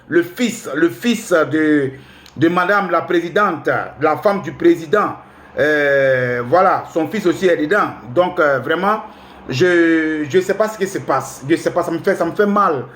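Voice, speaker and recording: A man's voice: on the high side, a little slow, fairly bright tone, echoey room. A man, commenting on the news in casual speech, exasperated and pleading, repeating himself.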